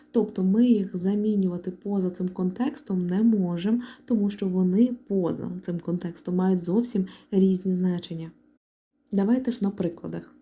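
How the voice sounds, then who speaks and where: A young woman explaining grammar in a clear, lightly joking lesson. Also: mid-range voice, dark tone. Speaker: Ukrainian language tutor. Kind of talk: exam-prep lesson.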